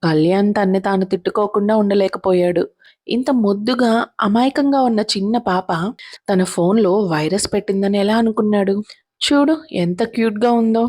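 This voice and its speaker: A woman telling a serialized story in a steady, even narrating manner. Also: mid-range voice, moderate pace.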